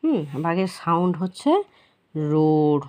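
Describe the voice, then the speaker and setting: Patient low-voiced woman teacher. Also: steady tone, mellow. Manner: patient, repeats answers slowly with many hums. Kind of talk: explaining a workbook lesson to children.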